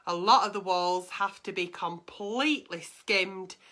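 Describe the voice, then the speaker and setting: A woman's voice: medium pitch, a little slow, bright, forceful tone. A woman hosting a chatty livestream in a campy, theatrical, cheeky auntie manner. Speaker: host of a live online advice show. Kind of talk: chatty livestream, reading out viewers' messages. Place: bedroom at home.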